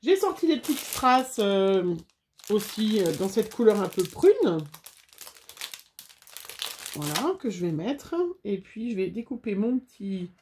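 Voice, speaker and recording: A woman's voice: medium pitch, sing-song, slow, long pauses, darkish tone, slight background noise. Chatty woman crafting on camera. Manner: chatty, addresses viewers, many fillers. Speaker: scrapbooking crafter. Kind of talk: casual craft tutorial.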